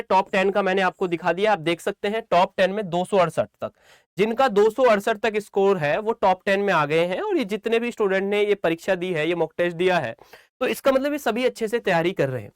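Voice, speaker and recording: A coaching teacher gives an informal instructional talk to students in a high-pitched, clear, resonant voice. He repeats phrases for emphasis and often checks that they're following, and the studio-quality recording has no echo.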